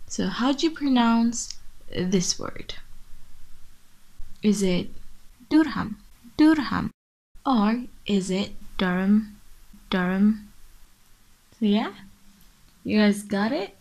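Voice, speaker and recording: A young woman narrating her own travel vlog in a chatty, upbeat way, with a rough voice the morning after. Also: medium pitch, expressive, slow, long pauses, a little mellow. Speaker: vlogger, student. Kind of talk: casual vlog voice-over. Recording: music bed.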